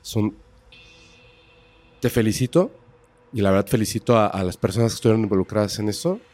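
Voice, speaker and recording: A man's voice: lowish voice, expressive, fairly quick, darkish tone. A man, a podcast host reacting in short, shaken and sincere remarks. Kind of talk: casual podcast conversation.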